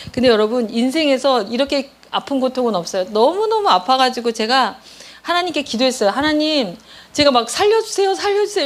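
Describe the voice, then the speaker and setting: A woman pastor giving a sermon, telling a personal story with feeling and speaking straight to the congregation. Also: a little high. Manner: emotional storytelling, addresses congregation directly.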